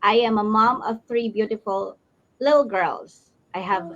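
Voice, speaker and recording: Lively woman from the Philippines on a dull call. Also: mid-range voice, unhurried. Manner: lively, self-correcting. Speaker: panel guest. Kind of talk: casual live chat.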